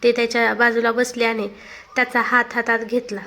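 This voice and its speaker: A woman reading a family drama aloud as the storyteller, steady and emotive. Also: on the high side, fairly quick, slight background noise. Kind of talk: storybook narration.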